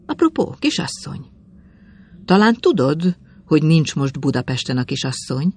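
Reader doing a gravelly old gent with a cane, chatty and teasing, kinda husky. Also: medium pitch, big pitch swings, a little mellow. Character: fussy elderly gentleman with a cane.

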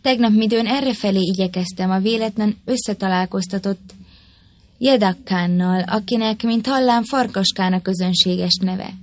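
A woman's voice: medium pitch, a little mellow, close to an everyday voice. A woman reading the lines of a humble, courteous male foreign envoy in a historical tale, deferential and polite.

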